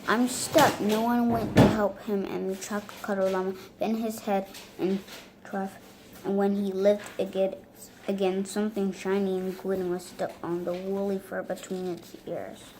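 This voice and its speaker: A woman reading a children's book aloud, halting now and then over misread words. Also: mid-range voice, little pitch movement, dark tone, a little hiss or hum, low-quality recording. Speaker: reader.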